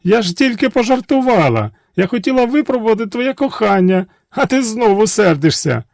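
Man doing a shrill, wheedling princess. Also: sing-song, fairly quick, vocal fry, a little mellow, no echo, studio quality, heavily acted. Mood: shrieking. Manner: shrill, pleading, coaxing cries. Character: tricky young fairy-tale princess, woman.

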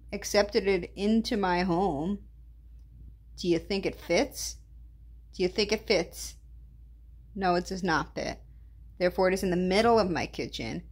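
A woman's voice: mid-range voice, slow, pauses often. A woman in her thirties talking casually to a phone camera held at arm's length, chatty and often exasperated. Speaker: vlogger. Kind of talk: casual vlog talk to camera. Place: outdoors and at home, varied.

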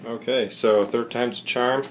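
The young DIY instructor explains each step in his unfinished basement bathroom casually, with fillers and corrections along the way. His mid-range voice holds a steady tone and runs a little slow. The close, handheld camera-mic recording carries slight background noise.

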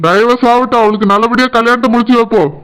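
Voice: medium pitch, steady tone, a bit bright, smooth, natural voice, rough recording. Voice actor doing a soothing elder brother. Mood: reassuring. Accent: Tirunelveli Tamil. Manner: slow, soothing reassurance. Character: kindly elder brother, reassuring village man.

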